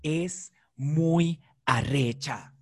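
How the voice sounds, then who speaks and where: A man's voice: a little high, very slow, over a noisy crowd. A young man with a Venezuelan accent, joking around in casual chat with a co-host. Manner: joking, slangy.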